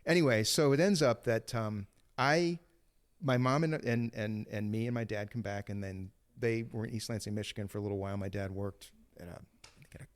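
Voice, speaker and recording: A man's voice: lowish voice, fairly quick. A man in his fifties, born in Greece and raised in Cincinnati, telling his life story as a podcast guest, rambling with many restarts. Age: 50s. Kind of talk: casual storytelling interview.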